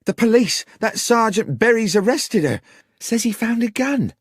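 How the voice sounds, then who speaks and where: A man voicing a frantic young village woman in an audiobook, shrill and blurting in panic. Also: very animated, normal speed, husky, no echo, studio quality, full character voice. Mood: panicked. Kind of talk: audiobook character voice.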